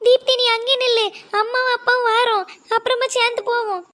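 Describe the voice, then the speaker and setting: A performer voicing a worried, scolding mother in an animated cartoon. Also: very high-pitched, brisk. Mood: alarmed. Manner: scolding, alarmed.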